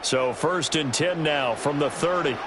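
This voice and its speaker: Man playing a crisp football play-by-play announcer. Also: fairly high pitch, a little slow, close to an everyday voice. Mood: steady. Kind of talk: sports commentary. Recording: loud game crowd noise.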